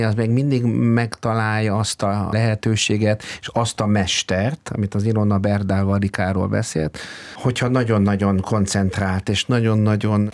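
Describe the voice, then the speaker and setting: An older man, a singer and voice teacher, talking in a measured, reflective way and sometimes searching for words. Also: lowish voice, a little mellow. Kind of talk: conversational interview.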